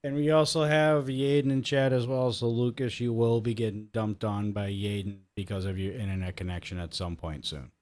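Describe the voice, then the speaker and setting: A man hosting a live wrestling review show, speaking briskly and addressing the chat directly. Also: lowish voice, level tone, darkish tone. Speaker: host.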